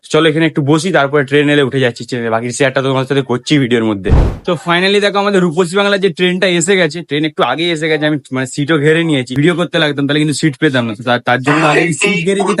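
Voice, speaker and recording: Fast-talking young man vlogging a train trip. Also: fairly high pitch, no echo. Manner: chatty, keeps asking "ঠিক আছে?", talks softly when alone. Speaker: travel vlogger. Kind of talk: casual travel vlog to camera. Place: train station and train.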